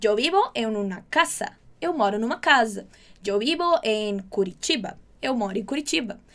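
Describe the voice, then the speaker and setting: A woman from Brazil giving a chatty, upbeat Spanish lesson, drilling words slowly and repeating them. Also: a little high, animated, fairly bright tone. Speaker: Spanish teacher. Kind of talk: casual online language lesson.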